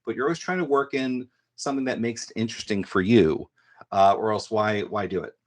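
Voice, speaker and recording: A man's voice: fairly low pitch, brisk. A man, a guest illustrator telling chatty anecdotes in a podcast interview. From New York. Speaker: guest comic book illustrator. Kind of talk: casual storytelling in a podcast interview.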